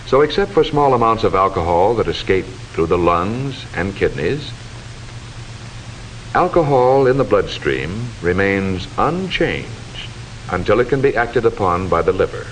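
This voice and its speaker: Hiss runs under this poor-quality recording of a man narrating from a script. His fairly low voice stays formal, measured, and instructive, just like a 1940s educational film.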